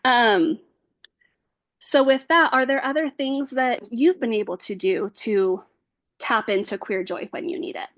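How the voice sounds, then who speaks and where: Chatty higher-voiced woman lecturing. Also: measured pace, no room sound. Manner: affirming, conversational, many "like" fillers. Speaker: lecturer and social worker. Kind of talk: informal lecture with audience discussion. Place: bookstore event space.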